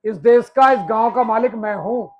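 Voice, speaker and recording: Very high-voiced and speaking at a moderate pace, a movement speaker addresses an audience with a political speech. He emphatically fires off rhetorical questions, answers them himself, and stacks repeated phrases into lists. The lo-fi recording carries a little hiss or hum.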